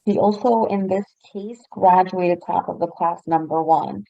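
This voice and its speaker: A woman's voice: lowish voice, unhurried, dark tone, no echo, highs cut off. A woman hosting a webinar interview over a video call. She asks probing questions and recaps the figures for her audience. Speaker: webinar host.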